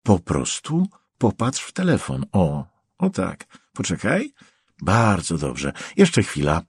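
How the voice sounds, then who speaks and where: A man voicing a cold, menacing male avenger who mutters quietly. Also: deep voice, wildly swooping pitch, slow pace, slightly rough, no room sound, studio quality, exaggerated voice. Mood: calm.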